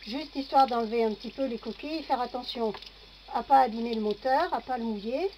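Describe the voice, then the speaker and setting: A woman's voice: fairly high pitch, a little fast, a little mellow, slight background noise. Chatty woman demonstrating in a kitchen. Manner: chatty, narrates each step with little fillers. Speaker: home cooking vlogger. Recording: dull lo-fi home recording.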